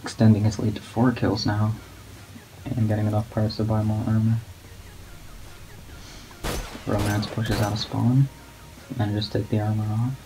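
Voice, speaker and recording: Low-voiced man, flat and low-key, calling a game match play by play; clear hiss of noise behind him. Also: moderate pace, pauses often. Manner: monotone, low-key delivery; not much of a talker. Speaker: guest commentator. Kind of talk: esports play-by-play commentary. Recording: steady background noise.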